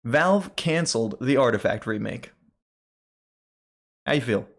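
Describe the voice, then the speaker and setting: A young man chats through gaming news on a podcast in a loose, rambling way, with many fillers and restarts. His voice sits in an ordinary middle pitch, and his delivery stays easygoing. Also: animated, measured pace, vocal fry. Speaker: podcast co-host. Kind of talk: casual gaming news chat.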